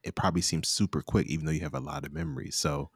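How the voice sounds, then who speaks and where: A man's voice: extremely low pitch, steady tone, quick pace, gravelly, husky, no echo, studio quality. A man in his late thirties chatting casually about scripture, laid-back and slangy, laughing often. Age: 30s. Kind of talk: casual Bible study chat.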